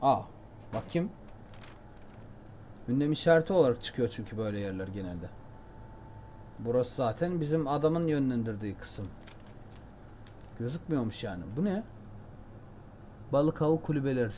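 Excitable Turkish gamer man, playful. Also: mid-range voice, normal speed, pauses often, slight background noise. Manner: chatty, excitable, jokey, shouts at the game. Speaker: gameplay commentator. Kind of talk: casual let's-play commentary.

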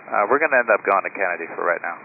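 A man speaking as an airline pilot over a cockpit headset radio, calm and clipped, with hesitant fillers. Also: low-pitched, racing, creaky. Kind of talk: air traffic radio exchange. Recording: tinny radio transmission with faint hiss.

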